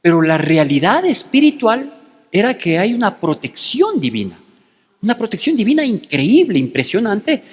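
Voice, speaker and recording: A man's voice: high voice, big pitch swings, moderate pace, breathy edge, in a large hall. A male pastor preaching a conversational sermon with an Ecuadorian Spanish accent, reading Bible verses and often checking in with "¿sí?". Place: church sanctuary.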